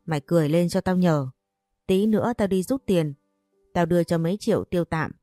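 A woman narrator voices a brash, talkative young woman who teases her friend and scolds her bluntly. The delivery is brisk, low, warm, teasing and close to an everyday voice, recorded close and dry with no room sound and faint music behind.

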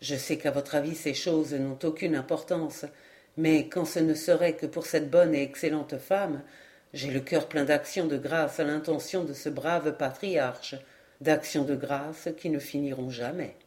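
A woman reading an audiobook, voicing an earnest, deeply moved young doctor in a lowered, soft-spoken voice. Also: animated, measured pace.

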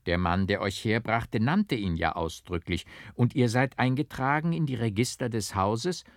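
A man voicing a kindly male cleric who speaks gently and calmly. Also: mid-range voice, normal speed, no echo, studio quality, close to an everyday voice. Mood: gentle. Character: kindly male monk-priest, calm and gently amused.

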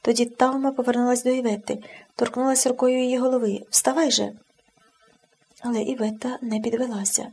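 A woman narrating an audiobook in an expressive, measured reading. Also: on the high side, slightly rough.

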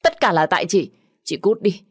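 A woman's voice: sing-song, normal speed, slightly rough. A woman voicing a spiteful, hysterical young sister-in-law who screams and sobs her accusations. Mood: screaming, accusing. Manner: shrill screaming, sobbing accusations.

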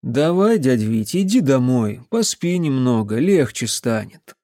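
Casting: man as weary male mage, calm and flat, dry close sound. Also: medium pitch, measured pace, no echo. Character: tired, patient male mage.

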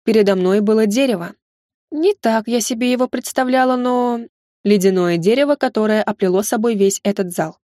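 A woman narrating a first-person fantasy novel in a wry, lively storytelling manner. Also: fairly high pitch, a little fast, no echo, clean studio sound. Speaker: audiobook narrator.

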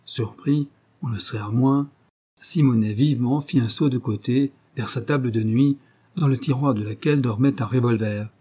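A man reading a novel aloud as narrator, in even, measured storytelling. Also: mid-range voice, husky. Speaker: audiobook reader. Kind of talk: scripted narration.

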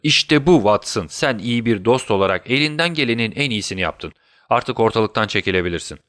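A brilliant detective, voiced by a man in an audiobook gives urgent, low-pitched orders to his friend. Elsewhere he whispers weakly as if near death. The recording is dry and close. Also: lively intonation, brisk, fairly bright tone, no room sound. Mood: urgent, commanding. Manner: urgent commands, then feeble whispers. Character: brilliant male detective feigning deadly illness. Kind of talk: audiobook character voice.

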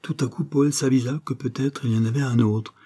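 A man reading a classic novel aloud as an audiobook narrator, in a calm, even storytelling manner. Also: medium pitch, a little fast, breathy edge. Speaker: audiobook reader.

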